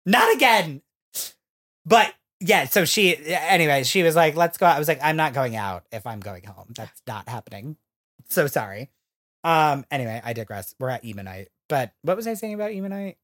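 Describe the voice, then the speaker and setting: Deep-voiced and animated, a woman in her thirties co-hosts a reality-TV recap podcast at a moderate pace with a bit of brightness. She rants freely, swearing plenty and performing quotes.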